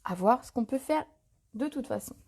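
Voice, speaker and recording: Husky, mellow-voiced woman chatting through a craft demo. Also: a little high, moderate pace. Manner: chatty and relaxed, many fillers and self-corrections. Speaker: craft demonstrator hosting a live stream. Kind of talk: live paper-craft tutorial, improvised chat.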